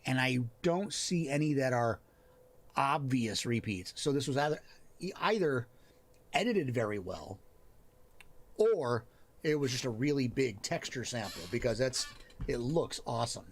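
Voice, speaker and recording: A man's voice: medium pitch, expressive. A man hosting a live help stream, chatting casually and thinking aloud as he looks over work on his screen. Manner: thinks aloud, pausing and restarting as he reads. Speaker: host of a writing and worldbuilding help stream.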